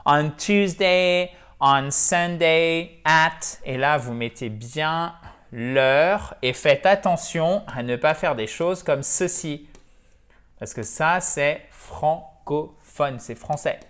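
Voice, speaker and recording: Guy teaching english in french, bit high voice, slow careful model phrases. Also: fairly bright tone. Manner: explains patiently, slows down and stresses English model phrases. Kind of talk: French-language English lesson.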